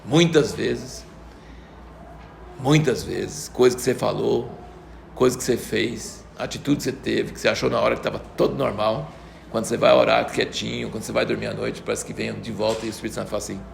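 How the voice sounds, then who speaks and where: An older man teaches a Bible lesson. He tells stories in an animated way and acts out the voices of the people he quotes. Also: on the low side, a little fast, gravelly, slight background noise. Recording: roomy echo.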